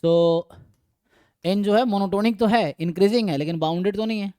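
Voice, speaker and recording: A man's voice: sits high, fairly quick, darkish tone, clear, resonant tone, no echo, clean studio sound. A man with an Indian accent teaching a live online math lecture, explaining step by step and quizzing his students.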